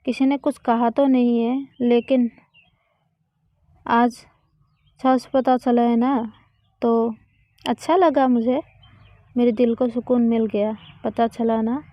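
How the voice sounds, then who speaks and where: A woman voicing an upset young college woman who accuses her friend, in a reproachful, drawn-out way. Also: fairly high pitch, steady tone, dry recording, lo-fi sound. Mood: hurt, accusing.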